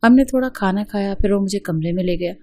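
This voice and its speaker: A woman telling a scripted story in the first person, in a steady and even way. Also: medium pitch.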